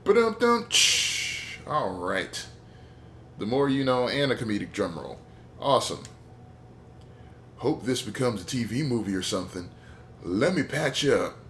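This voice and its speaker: A man hosts a let's play, talking through the game in a rambling, opinionated way and cracking jokes as he goes. His voice sits a little low, with a faint hiss under the recording. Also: animated, normal speed, long pauses. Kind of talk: gameplay commentary.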